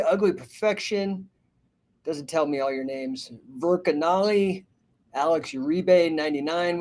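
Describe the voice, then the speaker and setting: 50 yr old guy rambling on a livestream, kinda high voice, reading chat names. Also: a little mellow. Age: 50s. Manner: rambling, chatty, reads viewer names and comments. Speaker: host and business coach. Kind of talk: casual livestream talk.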